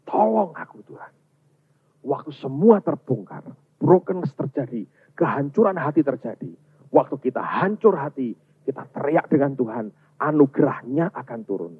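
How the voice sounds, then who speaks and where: Husky, animated preaching pastor. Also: male voice, medium pitch, normal speed. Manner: emphatic, swings from loud to soft. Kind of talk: sermon. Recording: tinny, phone-like sound.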